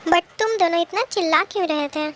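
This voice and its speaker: A woman's voice: extremely high pitch, fairly quick, fairly bright tone, slight background noise. A woman voicing a stern, teasing older brother who scolds and gives orders in a fan-made drama dub. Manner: scolding, commanding.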